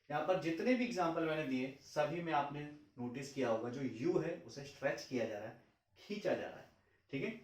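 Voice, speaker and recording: Man teaching phonics, echoey room. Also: on the high side. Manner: patient, repeats example words slowly one by one. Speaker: English teacher. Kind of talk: phonics lesson explaining vowel sounds. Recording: roomy echo, mic at a distance.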